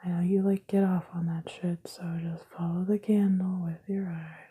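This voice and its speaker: Sarcastic and self-mocking, a woman whispers softly and unvoiced through an ASMR video, seated at a table indoors and recorded close up on a camera mic. Her whisper is lowish and husky, with a flat delivery at a moderate pace.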